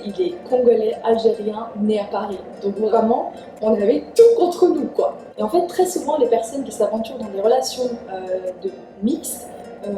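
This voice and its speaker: Her voice is a little high and warm as this young vlogger, born in Iran, chats earnestly about relationships, often using "en fait". The casual vlog was recorded with a distant mic in an echoey room, faint music playing.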